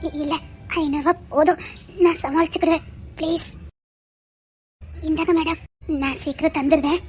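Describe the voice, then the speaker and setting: A very high, soft voice: a timid, struggling young woman, acted by a woman, begging quietly for help, with a Tirunelveli Tamil accent. Faint music plays underneath. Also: fairly even intonation, moderate pace, lightly acted. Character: poor, hungry young woman working to feed her family. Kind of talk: emotional web-series acting.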